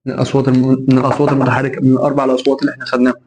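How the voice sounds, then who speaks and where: A man's voice: medium pitch, completely flat delivery, racing, darkish tone. A man with an Egyptian Arabic accent teaches an English lesson. He drills sounds over and over, stretching them out. Faint noise sits behind his voice. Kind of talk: classroom lesson explanation.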